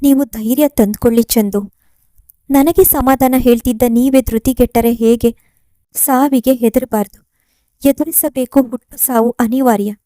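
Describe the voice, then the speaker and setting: A woman voicing a gentle, comforting young woman. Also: fairly high pitch, steady tone, unhurried, no echo, natural voice. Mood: reassuring. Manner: gentle, reassuring.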